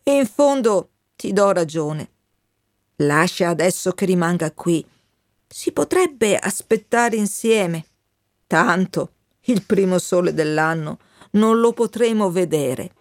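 A woman's voice: lowish voice, lively intonation, slow, a little mellow, no echo, clean studio sound. A woman voicing a loyal male wind spirit, speaking in a raised, urgent, pleading way. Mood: gentle.

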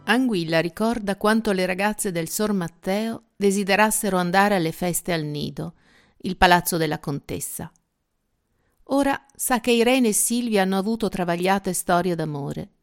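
A woman hosting a literary segment, introducing and summarizing a novel in clear, even scripted narration. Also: medium pitch, moderate pace. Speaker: host of a book segment. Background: faint music.

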